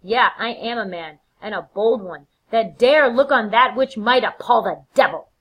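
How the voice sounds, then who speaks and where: A woman voicing a shaken king who loudly insists that he is a bold man. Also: on the high side, moderate pace, voice pushed up, natural voice. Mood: defiant. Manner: loud, declaiming.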